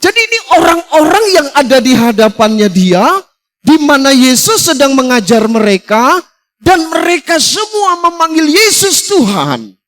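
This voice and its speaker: A man's voice: very high voice, very animated, moderate pace, fairly bright tone. A man pastor preaching a sermon, emphatic and full of rhetorical questions.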